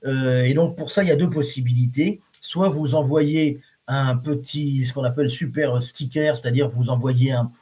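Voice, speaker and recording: His voice is mid-range and mellow, with a steady tone, normal speed and hardly any pauses. He's a man teaching reflexology on a live stream, speaking casually with many fillers and restarts while reading out what his viewers comment.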